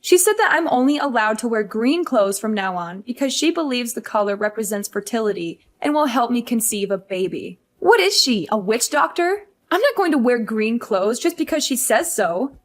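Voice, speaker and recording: A woman voices a frustrated young career wife, pleading and complaining about her mother-in-law in animated story voice acting. She sounds exasperated, with a fairly high pitch, very animated delivery, normal speed and hardly any pauses.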